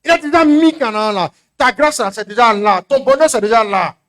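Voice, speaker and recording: A middle-aged man from Côte d'Ivoire with an Ivorian French accent, preaching a sermon as a pastor and telling a story, acting out voices and swinging between loud calls and murmured asides. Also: extremely high pitch, a little fast.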